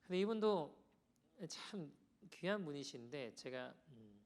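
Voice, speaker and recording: A man preaching a sermon as pastor, conversational and animated as he tells a story to the congregation. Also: on the high side, a little slow. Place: church sanctuary.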